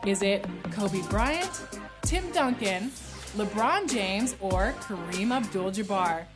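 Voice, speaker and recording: A woman's voice: mid-range voice, lively intonation, slow pace, over music. A woman presenting sports trivia questions in a presenter's style.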